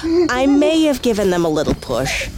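An actress playing an eerie, knowing woodland neighbor in a horror audio drama, cryptic, unhurried and smugly untroubled. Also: female voice, a little high, very animated, heavy background noise. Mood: knowing, sinister.

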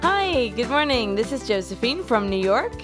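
A woman's voice: a little high, big pitch swings, moderate pace, over music. A woman from Sweden, co-hosting a podcast in casual, bubbly chat full of restarts. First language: Swedish. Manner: chatty, bubbly, with frequent restarts and fillers. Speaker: podcast co-host. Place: home in New York, remote call.

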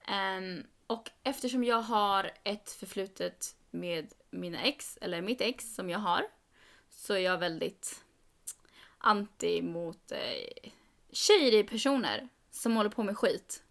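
A young woman tells a long story in casual podcast chat. She acts out what others said with rising emphasis, and her voice has a gravelly fry at a middle pitch. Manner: animated, quoting others with "jag bara" and rising emphasis. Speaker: podcast co-host.

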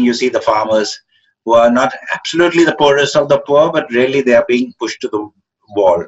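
Older guy in his 70s w/ posh indian accent, stop-start thoughtful interview answers, kinda muffled sound. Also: mid-range voice. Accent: educated upper-class Indian English. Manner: halting, hesitant, searching for words. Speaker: interviewed author. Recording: dull, muffled lo-fi call audio.

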